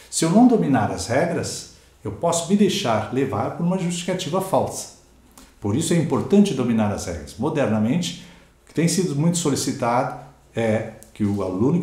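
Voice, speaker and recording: A man's voice: medium pitch, darkish tone, echoey room. A Brazilian man teaching Portuguese grammar in a recorded exam-prep lecture, stressing his example words and checking in with "ok?" and "certo?".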